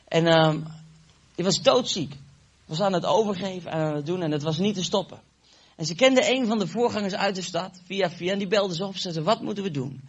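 A high-voiced man preaches with a husky edge, acting out every line of dialogue as he tells his testimony. The sound is dull and a little lo-fi. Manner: animated storytelling, acting out dialogue. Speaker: evangelist preacher. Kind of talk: sermon testimony.

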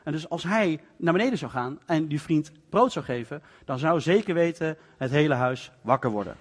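A male preacher explains scripture in a loose, conversational sermon, stepping into the story's scenes as he goes. His voice is high for a man, expressive and breathy-edged, at normal speed. The long reverb of a large hall carries the sound.

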